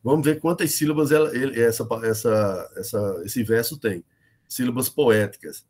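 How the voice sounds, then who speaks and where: A man's voice: mid-range voice, normal speed, a little mellow. A middle-aged man with a Brazilian Northeastern accent, teaching an online lesson on poetic meter and checking in with his students often. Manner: explanatory, many fillers and checks like "né?" and "beleza?".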